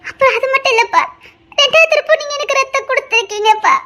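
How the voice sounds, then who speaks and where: A woman's voice: very high-pitched, quick pace, sharp tone. A woman voicing a small, tender daughter who pleads with her father, tearful and laughing nervously. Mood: tearful pleading. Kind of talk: Tamil audio drama acting.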